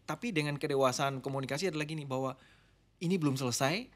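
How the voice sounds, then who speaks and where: A middle-aged man, a pastor and marriage mentor, talking easily as a guest on a podcast, explaining in a relaxed way. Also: fairly high pitch, fast. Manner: relaxed, explanatory, drifts between formal and slangy Indonesian. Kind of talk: casual podcast conversation.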